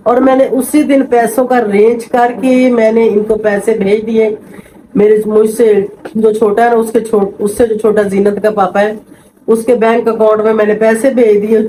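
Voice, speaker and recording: A woman's voice: a little high, level tone, normal speed, dark tone, slight background noise, poor audio. A middle-aged woman with a Pakistani accent, telling a family story in an interview, emphatic and repeating herself. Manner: emphatic, repeats herself, acts out quoted voices.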